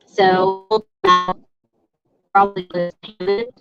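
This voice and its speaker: A woman's voice: mid-range voice, sing-song, slow, gravelly. A woman co-hosting a casual chat over a video call, chatty and rambling. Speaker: co-host. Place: in a car. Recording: muffled call audio with faint music.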